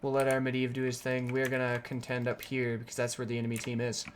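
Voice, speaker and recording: A game streamer gives upbeat live gameplay commentary, explaining plays and breaking into sudden excited outbursts. Energy drinks have left the medium-pitched voice raspy and sore, the talk is fast, and there's a little hiss or hum.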